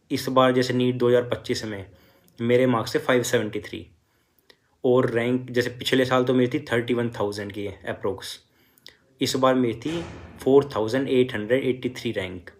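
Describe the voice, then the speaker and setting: A young man speaks in a relaxed, conversational way, often pausing on fillers. He retells his exam journey and gives direct study advice to younger students at an ordinary middle pitch. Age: young adult. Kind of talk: casual motivational talk.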